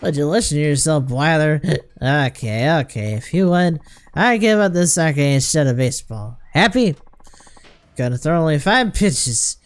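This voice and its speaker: A man puts on a rowdy middle-aged drunk, an old company ballplayer, blustering in folksy slang. The voice sits pitched up and swings loud and lively. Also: normal speed, natural voice. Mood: belligerent. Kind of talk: reading game dialogue aloud.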